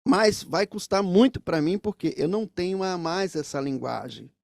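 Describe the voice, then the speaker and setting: A man's voice: high voice, normal speed, gravelly, a little mellow, no room sound, clean studio sound. A man teaching saxophone, explaining things straight to the viewers in a music lesson.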